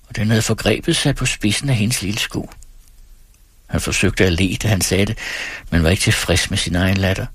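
A man reading a novel aloud on the radio in a measured, grave style, close to the studio mic. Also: on the low side, slightly rough, no echo.

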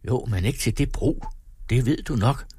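A man voicing a blunt young older brother who talks in a brusque, matter-of-fact way, with a husky tone. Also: mid-range voice, lively intonation, darkish tone, dry recording.

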